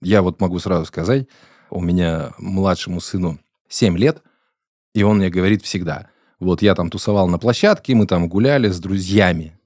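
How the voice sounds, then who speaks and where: A man around forty hosts a studio podcast in a deep, husky voice. He talks bluntly and jokes with crude slang. The sound is dry and close. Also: normal speed, darkish tone, dry recording. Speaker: podcast host. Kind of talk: casual studio podcast chat.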